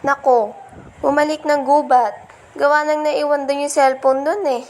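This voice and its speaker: Middle-aged actress as loud, emotional mother, high voice. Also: steady tone, normal speed. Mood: chatty. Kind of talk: short film drama acting.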